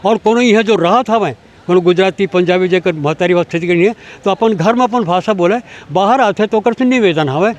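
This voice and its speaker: An older man with a Chhattisgarhi accent, speaking in a high, raised voice. He lectures with force and keeps throwing rhetorical questions at his listener. The talk is taken outdoors, with passing vehicles behind him. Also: brisk, few pauses. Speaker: language activist. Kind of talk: impassioned interview answers.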